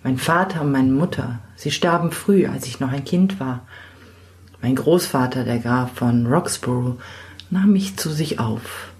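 A woman's voice: rumbling low, a little slow. Woman voicing a sorrowful enchanted knight. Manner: gentle and sorrowful, softly spoken. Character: melancholy enchanted young knight. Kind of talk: fairy tale reading.

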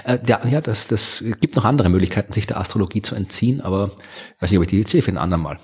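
An Austrian man talks loosely on a podcast, with a husky, grainy voice that sits a little low. He is sarcastic and chatty, breaks into laughs often and pads his speech with fillers. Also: lively intonation, rapid-fire. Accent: Austrian German. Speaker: podcast co-host. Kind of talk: casual podcast chat.

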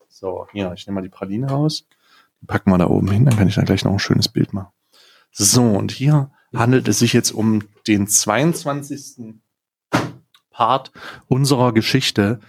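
Husky, excitable man chatting. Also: medium pitch. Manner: excitable, laughs a lot, scatterbrained. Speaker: podcast host. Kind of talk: casual chat, unboxing an advent calendar.

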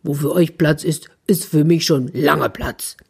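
A woman's voice: deep voice, fairly even intonation, unhurried, creaky, a little mellow, husky, full character voice. A woman voicing a pushy, greedy wild boar in a told children's story, talking bluntly.

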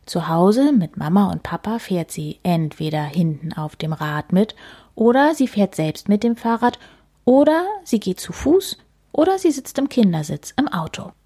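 A woman gently narrating a children's storybook, often near a whisper. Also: mid-range voice, very animated, moderate pace, husky.

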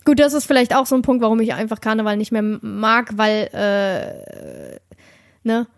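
A woman's voice: fairly high pitch, sing-song, moderate pace, vocal fry. A young woman chatting casually as a podcast host, telling a story with lots of restarts and fillers. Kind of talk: casual chat.

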